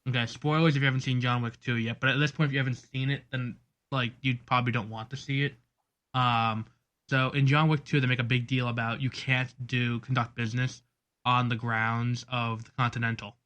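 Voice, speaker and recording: A man's voice: mid-range voice, little pitch movement, fairly quick, a bit bright. Rambling man co-hosting a film chat. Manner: rambling, lots of ums, easily exasperated. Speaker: podcast co-host. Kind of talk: casual chat.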